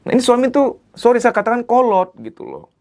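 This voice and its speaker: A man giving a lively psychology lecture as a therapist, emphatic and conversational. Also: extremely high pitch, quick pace. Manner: animated, acts out quoted dialogue in other voices; colloquial, emphatic "gitu loh" asides.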